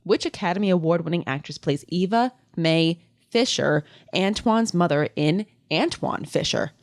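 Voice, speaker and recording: A woman's voice: lowish voice, animated, moderate pace, dry recording, clean studio sound. A young woman co-hosting a podcast, chatting casually and laughing as she reads out trivia questions and recaps matches. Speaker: podcast co-host.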